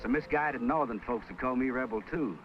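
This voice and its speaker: An actor playing an easygoing young country doctor with a Southern accent and a folksy drawl, in a 1950s TV western. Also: male voice, mid-range voice, a little fast, music in the background, lightly acted. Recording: dull lo-fi old TV soundtrack.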